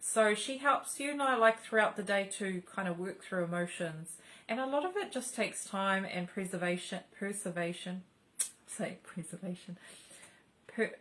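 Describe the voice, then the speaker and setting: Woman, middle-aged, spiritual host, casual rambling talk, fillers and restarts, slightly low pitch. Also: fairly bright tone, rough recording.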